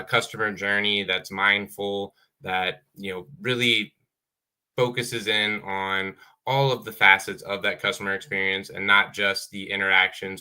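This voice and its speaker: On a video call for a casual panel chat, a guest in his thirties from Dayton, Ohio, an apparel business owner, earnestly recounts his story, sprinkling in plenty of "uh" fillers. He has a lowish, bright voice, forceful and smooth, though the audio is poor.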